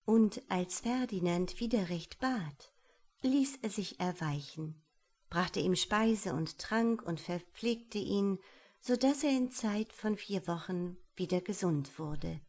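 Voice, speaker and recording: A woman reading a fairy tale aloud in a calm, measured way. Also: medium pitch.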